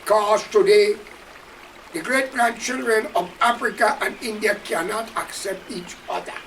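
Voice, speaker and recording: A man's voice: high voice, measured pace, a bit bright, recorded from a distance, slight background noise, low-quality recording. A man from Guyana with a Guyanese accent, delivering an impassioned, preachy political monologue straight to his listeners. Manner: preachy, emphatic, addresses listeners directly. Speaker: political commentator.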